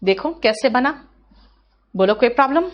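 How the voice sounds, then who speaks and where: A woman teacher runs a live online grammar class, her voice pitched a little high. She talks briskly and scolds students about common mistakes in a firm, familiar tone. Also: highs cut off.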